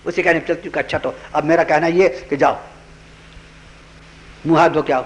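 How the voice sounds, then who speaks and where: A man's voice: fairly high pitch, steady tone. A man preaching a sermon, telling a story with acted dialogue and rising into fervent prayer.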